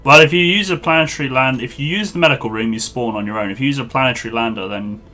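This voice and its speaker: Bloke streaming games, bright mid voice, chatty and matey with chat, bit of music behind. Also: male voice, mid-range voice, fast. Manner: matey, informal address to the group. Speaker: live streamer, host. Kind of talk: casual live gaming commentary, chat with viewers.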